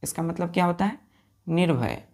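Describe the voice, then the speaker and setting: Animated and a little mellow, her lowish voice moves at normal speed as she leads children through a classroom-style English vocabulary lesson. Each word gets spelled letter by letter, explained in a mix of Hindi and English, and echoed back by the kids at her repeated request.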